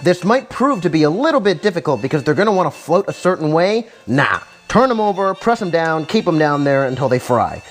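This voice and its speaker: Male cooking host, goofy and drunkenly giggly, fairly high voice, joking delivery, faint music behind. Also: big pitch swings, a little fast, few pauses. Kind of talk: casual, jokey cooking lesson.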